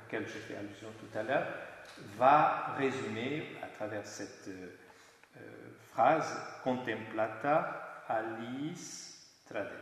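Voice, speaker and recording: A man from Portugal, lecturing on religious history in a thoughtful way, pausing often to find his words. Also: mid-range voice, fairly bright tone. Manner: thoughtful, explanatory, frequent hesitations. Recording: very echoey hall with long reverb.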